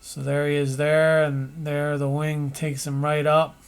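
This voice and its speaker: A man narrating an animation tutorial, thinking aloud as he works, with pauses and restarts. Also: on the high side, completely flat delivery, clean tone.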